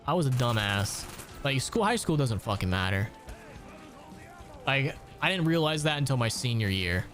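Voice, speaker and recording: A man's voice: mid-range voice, very animated, moderate pace, fairly bright tone, soft background music. A man in his late twenties from Ohio, chatting casually and profanely while gaming on a stream. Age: late 20s. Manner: rambling, profane storytelling.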